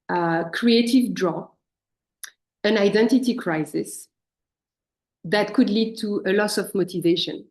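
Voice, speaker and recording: A woman who coaches leaders gives a guest talk to a church congregation, speaking remotely over a video call in a reflective way that invites listeners to think about their own lives. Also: medium pitch.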